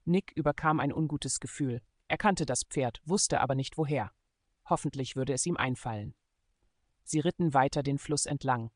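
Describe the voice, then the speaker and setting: A man reading a German adventure novel aloud in steady, measured scripted narration. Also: medium pitch, no room sound, studio quality. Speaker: audiobook narrator.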